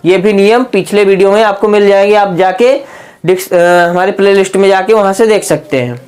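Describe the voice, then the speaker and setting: A man's voice: high-pitched, steady tone, fairly quick, darkish tone, clear, resonant tone. A man teaching a spoken grammar lesson. He repeats his points and keeps putting rhetorical questions to his friends. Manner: repetitive, asks the class rhetorical questions and keeps calling them friends.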